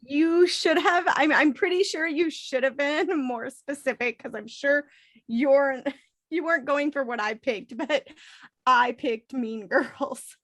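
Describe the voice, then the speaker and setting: High-voiced tipsy woman chatting, dry close sound. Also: slow, no echo. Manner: giggly, animated storytelling with quoted asides; drinking, tipsy. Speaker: podcast co-host. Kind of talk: casual chat about movies.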